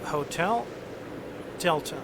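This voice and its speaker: A man's voice: fairly high pitch, animated, slow. A middle-aged man streaming an air traffic control game at a close mic, issuing formal commands and commenting on play. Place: indoor desk setup. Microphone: close desk microphone. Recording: loud background noise.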